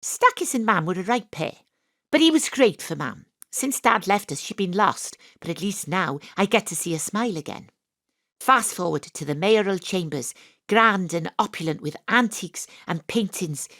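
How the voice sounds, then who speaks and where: On a clean, dry home studio recording, an actress with a Welsh accent narrates a radio drama in the first person, her mid-range voice animated, fairly bright and moderately paced. She plays a wry, sporty amateur detective telling her own story with self-mocking humour.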